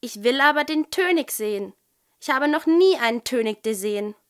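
A woman's voice: very high voice, extremely slow, pitched above the performer's own voice, heavily acted. A woman voicing a cheeky, childlike little creature with a childish lisp in a storybook reading. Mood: whiny.

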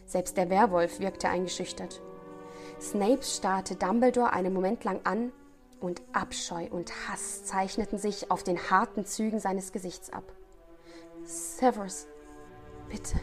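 A woman's voice: medium pitch, a little slow, darkish tone. A woman reading a novel passage aloud in dramatic, tense scripted narration. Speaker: guest reader. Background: faint music.

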